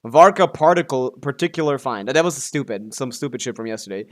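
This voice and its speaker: Here a man with a mid-range voice and lively intonation speaks briskly during a video game livestream. He rambles to his viewers casually, complaining and swearing often.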